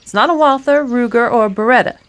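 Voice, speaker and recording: A man's voice: extremely high pitch, brisk, a bit bright, voice pushed up. A man voicing a sassy, folksy woman who knows a great deal about guns. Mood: knowing, folksy.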